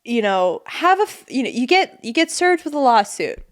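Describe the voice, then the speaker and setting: A woman's voice: big pitch swings, normal speed. A young woman co-hosting a podcast in casual, comedic chat, irreverent and sweary as she riffs. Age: young adult. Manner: sweary, irreverent, riffing in mock pitches. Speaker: podcast co-host.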